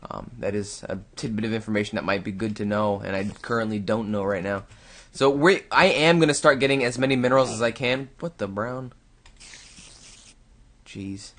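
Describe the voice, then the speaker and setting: Fairly low in pitch and moderate in pace, a young man from Canada narrates his gameplay in a rambling, casual way. He's a YouTuber doing let's-play commentary, speaking near the mic to viewers and to himself.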